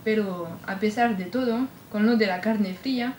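A woman's voice: mid-range voice, moderate pace, darkish tone, slight background noise, close to an everyday voice. A brusque Argentine waitress, voiced by a woman, speaks with an Argentine Spanish accent and open indignation. Her mid-range voice carries in a roomy, echoing space with faint ambience behind it. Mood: lecturing. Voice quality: blunt, openly indignant. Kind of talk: audiobook drama acting.

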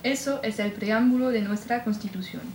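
A woman's voice: a little high, a little fast, a little mellow, slight background noise, close to an everyday voice. A woman with an Argentine Spanish accent playing a blunt, outspoken waitress in an audiobook drama, recorded in a roomy space. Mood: lecturing. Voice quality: blunt, openly indignant. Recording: roomy echo with faint background ambience.

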